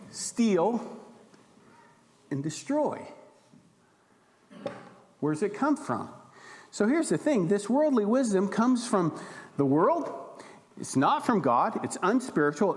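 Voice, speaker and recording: A male pastor delivers a sermon in a fairly high voice at an unhurried pace. He teaches conversationally and often checks in with his listeners. The sound has a long, reverberant church-hall tail. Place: church sanctuary.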